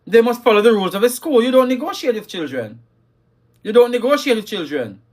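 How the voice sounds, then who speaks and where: A man's voice: very high-pitched, big pitch swings, a little fast, darkish tone. A man hosting a live talk on parenting, emphatic and scolding, repeating his key lines and reading viewer comments. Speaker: livestream host.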